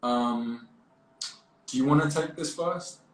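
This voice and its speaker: A man, an actor, chatting playfully on a phone livestream, halting and rambling with frequent restarts. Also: mid-range voice. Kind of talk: casual livestream chat. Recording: echoey room with faint background noise.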